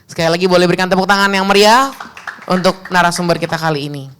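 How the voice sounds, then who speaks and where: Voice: mid-range voice, steady tone, fast, fairly bright tone, clean tone. A seminar moderator speaking politely and formally while introducing speakers.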